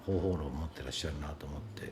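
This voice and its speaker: A man's voice: extremely low pitch, very fast, background noise. A male actor giving reflective, hesitant interview answers with many fillers. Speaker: actor interviewed about his film.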